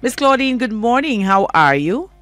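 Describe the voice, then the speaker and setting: A man, smoothly hosting a morning radio show with an easy, polished on-air delivery. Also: extremely high pitch, sing-song, normal speed, a bit bright, no room sound.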